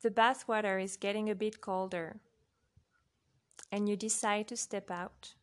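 A woman speaks in a soft, unhurried voice, leading a guided relaxation for sleep. Her pace is very slow, with long pauses between short phrases. Her pitch sits in a medium range. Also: steady tone.

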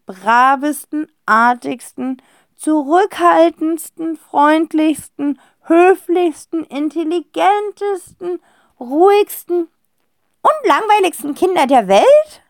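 A woman voicing an eccentric, theatrical old aunt with a gushing, drawn-out manner in a children's audiobook. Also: high voice, expressive, no echo, clean studio sound, voice pushed up, exaggerated voice. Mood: dramatic.

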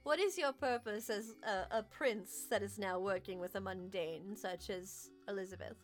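A woman playing a proud, aloof male fae noble in a tabletop game, speaking in a cool, measured, formal and condescending way. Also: medium pitch, faint music behind, lightly acted. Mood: aloof, stern. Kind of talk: tabletop role-play acting.

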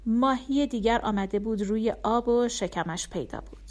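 A woman narrating a story aloud in an audiobook, in a calm and even way. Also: a little high.

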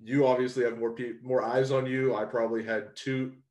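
A man's voice: medium pitch, brisk. Young man hosting in a roomy space. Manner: relaxed, rambling, with many fillers. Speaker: podcast host. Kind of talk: casual interview chat. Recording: roomy echo.

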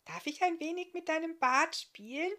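A woman voicing a tiny, cheeky little girl with a squeaky childlike voice in a storybook. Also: animated, normal speed, sharp tone, heavily acted.

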